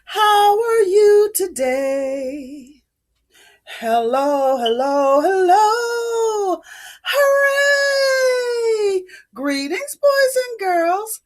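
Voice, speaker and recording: A woman's voice: extremely high pitch, sing-song, drawn-out words, exaggerated voice. A woman playing an overbright, exclamatory children's show host with a cheery, sing-song delivery. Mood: bubbly, excited. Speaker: children's show host teaching letter sounds.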